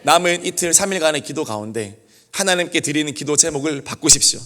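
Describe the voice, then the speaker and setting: A man's voice: fairly high pitch, animated, quick pace, bright, forceful tone. A man preaching an earnest early-morning sermon as pastor, with repeated pleading refrains. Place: church sanctuary. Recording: long hall reverb.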